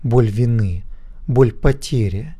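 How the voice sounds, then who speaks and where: A man voicing a wrathful, grim dark god in an audiobook, speaking in a growling, bitter way. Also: mid-range voice, slow pace, slightly rough.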